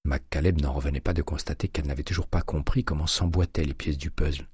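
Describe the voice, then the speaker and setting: A man narrating a crime novel audiobook in a measured, dramatic reading. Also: extremely low pitch, fairly even intonation, a little mellow, breathy edge, dry recording, studio quality.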